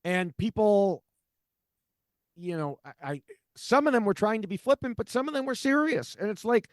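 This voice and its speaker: Sarcastic man with a lively voice. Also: high-pitched, moderate pace, no echo, clean studio sound. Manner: sarcastic, exasperated, many fillers. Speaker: podcast co-host. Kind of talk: casual political chat.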